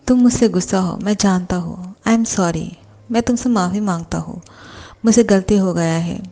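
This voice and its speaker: A woman's voice: medium pitch, normal speed, mellow, natural voice. A woman voicing a young man, a jealous boss who pleads with his lover and apologizes, read in a plain storytelling voice. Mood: pleading.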